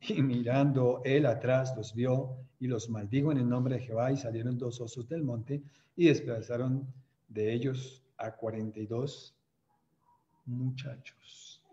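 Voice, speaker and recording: Leading a youth Bible study, a man with a Colombian accent reads scripture aloud at a measured pace in a steady, warm, medium-pitched voice, then talks it through by posing questions. He checks in with the group and imitates laughter when telling stories. The recording is muffled.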